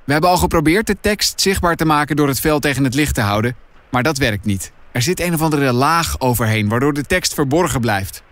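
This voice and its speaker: A man doing a stubborn, determined boy in an audiobook, speaking bluntly with a lifted, lively voice. He sounds sure of himself, recorded dry and close. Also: fairly high pitch, brisk, no echo.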